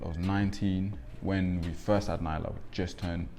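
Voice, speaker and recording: A man's voice: low voice, steady tone, moderate pace, warm tone, a little hiss or hum. A man in his twenties, born in Congo and raised in England, speaking reflectively with frequent ums in a documentary interview. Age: 20s. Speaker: interviewee, young father.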